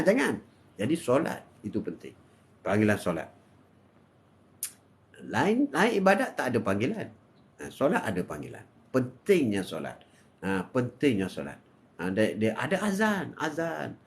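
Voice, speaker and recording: Older Malaysian man preaching with lively pitch. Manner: swings between loud, high exhortation and low murmurs. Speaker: religious speaker. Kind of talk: live religious talk.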